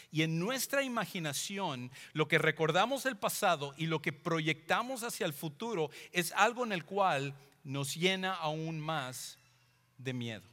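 A male pastor delivers a sermon with an emphatic manner. He repeats key phrases and slows down to stress them. His voice sits a little high and sounds bright and sharp, and a long hall reverb trails behind him. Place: church hall. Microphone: handheld or stand microphone.

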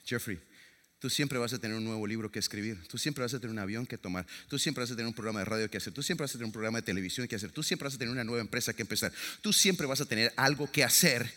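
A man playing a firm, measured wife. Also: mid-range voice, bright, forceful tone. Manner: slow, measured, insistent repetition. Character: firm, calm grown wife laying down the law. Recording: long reverb of a large hall.

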